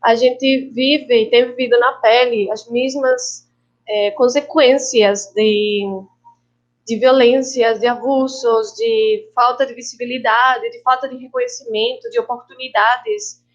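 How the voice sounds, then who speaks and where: Colombian woman talking slow and thoughtful on a video call, spanish accent, kinda muffled lo-fi sound. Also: a little high, steady tone. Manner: reflective, halting, slips Spanish words into Portuguese. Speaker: guest filmmaker and actress. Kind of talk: online panel talk.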